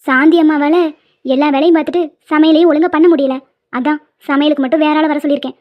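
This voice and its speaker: A woman's voice: high-pitched, steady tone. A woman voicing a strict well-off mother who scolds her daughter in a cartoon. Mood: stern. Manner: scolding, brisk, stern. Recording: dull lo-fi sound.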